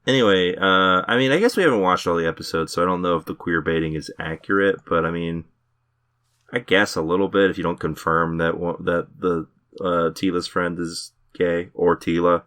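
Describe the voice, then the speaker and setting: A man's voice: deep voice, fairly even intonation, moderate pace, a bit bright. A man hosting a casual podcast chat, laid-back and hesitant, with frequent filler words. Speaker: podcast host.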